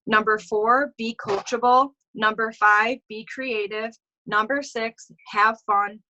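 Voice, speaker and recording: Bright, upbeat woman giving motivational tips. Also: a little high, steady tone, slow, muffled recording, slight background noise. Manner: upbeat, informal, peppered with "like". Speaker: team coach giving tips. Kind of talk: motivational talk on a team call.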